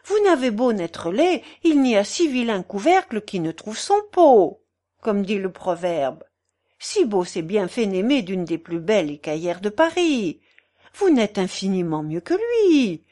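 A woman voicing a gossipy, meddling middle-aged concierge in a storybook reading, with a shrill, wheedling, theatrical manner. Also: very animated, unhurried, dark tone. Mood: coaxing.

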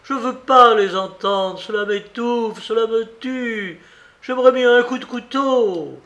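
A man's voice: high voice, animated, slow pace, highs cut off, pitched above the performer's own voice, heavily acted. A man reading a storybook who voices a desperate, tormented young female servant with anguished, pleading outbursts.

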